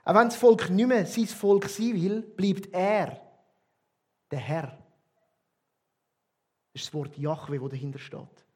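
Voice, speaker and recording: A man with a Swiss German accent preaching a sermon as a pastor, emphatic, with loud stresses and quiet drops. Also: high-pitched, slow pace, pauses often, breathy edge.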